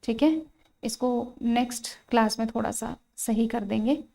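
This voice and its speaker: A woman with an Indian accent teaching an online English grammar lesson, repeating key phrases and spelling words out slowly. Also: fairly high pitch, gravelly, mellow, low-quality recording.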